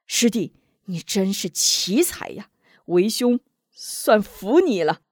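A woman voicing a thoughtful senior male martial brother who speaks in a measured, deliberate way. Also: mid-range voice, big pitch swings, no room sound, studio quality. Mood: measured, warm.

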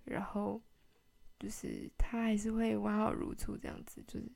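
Giggly young woman with a gravelly voice. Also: medium pitch, wildly swooping pitch, moderate pace, a little mellow. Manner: rambling, many fillers, giggly asides. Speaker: podcast host. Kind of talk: casual storytelling podcast. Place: home.

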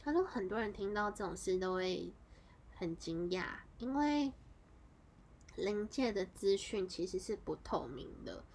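A woman, hosting a podcast and casually telling a story in a chatty, animated way, running her clauses together with fillers. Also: a little slow, a little hiss or hum. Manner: animated, jumps into high excited exclamations. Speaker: podcast host.

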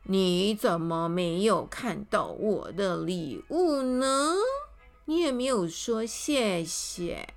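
A stingy, sulky gentleman, put on by a woman reading a children's story, who mutters and grumbles low. He sounds begrudging and resentful in a storybook tale. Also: expressive, takes it slowly, vocal fry, soft background music. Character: stingy, grumbling male guest.

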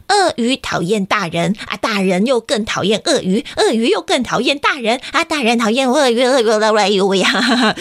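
A woman reads a picture book aloud to young children, playful and sing-song, stopping often to ask them questions. Her voice sits fairly high. The recording is dry and close. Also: no room sound. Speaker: children's storyteller.

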